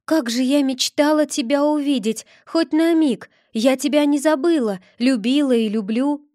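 A grieving high witch, voiced by a woman reader, pours out tearful, passionate words in an audiobook fantasy. The voice is fairly high and close-miked, dry and intimate. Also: moderate pace, dark tone, no room sound, close to an everyday voice. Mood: longing.

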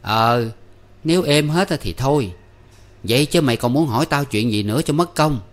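A man voicing a sharp-tongued, scolding middle-aged village mother who nags her grown son. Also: mid-range voice, lively intonation, moderate pace, voice pushed up, lightly acted. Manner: nagging, scolding.

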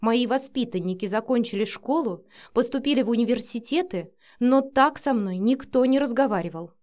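A woman voicing a cautious middle-aged nanny in an audiobook, speaking in a measured, dry way. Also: fairly high pitch, darkish tone, natural voice. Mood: guarded. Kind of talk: audiobook character voice.

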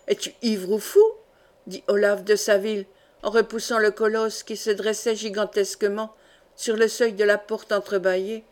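A woman reading a classic fantasy novel aloud as a measured, even audiobook narration. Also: medium pitch. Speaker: audiobook reader.

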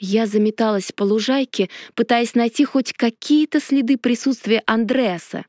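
A woman narrating a fantasy storybook in a lively first-person telling. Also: fairly high pitch, normal speed, no room sound, clean studio sound. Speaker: audiobook narrator.

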